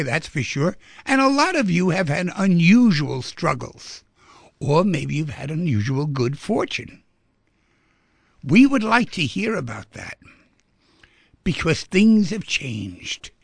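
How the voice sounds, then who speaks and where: A man's voice: fairly high pitch, sing-song, a little slow, vocal fry, husky, no room sound. A man hosting a radio talk show, chatty and rambling, asking guests lots of questions. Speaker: radio host. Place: radio studio.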